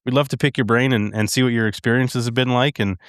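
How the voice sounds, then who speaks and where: A male podcast host, nasal from a cold, introducing the show in a relaxed way with frequent "uh" fillers. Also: medium pitch, quick pace, clean tone, no room sound, studio quality.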